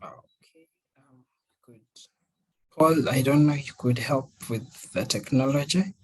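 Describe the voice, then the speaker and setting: A man moderating an online panel, hesitant and leaning on fillers between phrases. His voice is husky and rough-edged. He talks slowly, at a mid pitch. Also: poor audio.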